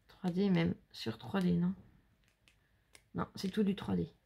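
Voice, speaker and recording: Woman host, fairly low with some fry, gushing casual card show-and-tell at home. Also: flat delivery, unhurried, mellow. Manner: chatty, gushing, talks to viewers and helpers. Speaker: scrapbooking channel host.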